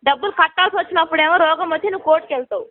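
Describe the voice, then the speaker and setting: A high-voiced woman fires off scolding demands at a rapid clip over a tinny phone line. She is a loan recovery agent, rude and relentless in a heated argument.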